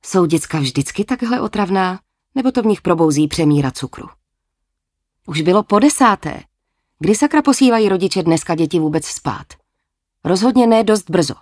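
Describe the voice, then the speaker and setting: A woman's voice: lowish voice, lively intonation, darkish tone, no echo, studio quality. A woman narrating a novel as an audiobook, with a wry, lightly ironic tone.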